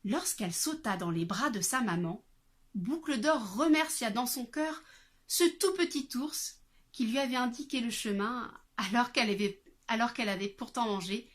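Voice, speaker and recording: A woman reading a fairy tale aloud as a storyteller, in an expressive read-aloud manner. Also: on the high side, normal speed. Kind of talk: storybook narration.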